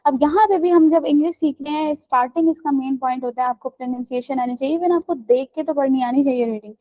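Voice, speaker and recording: A woman's voice: sits high, no echo, muffled recording. A woman teaching an English class online, explaining step by step and checking that students follow. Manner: explains step by step, checks understanding with "right?" and "theek hai".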